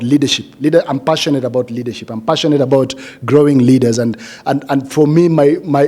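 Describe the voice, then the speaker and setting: A middle-aged man from Kenya, mid-range with a darkish tone, speaks earnestly to a seated audience of graduates. His motivational speech leans on repetition and on questions put to the crowd.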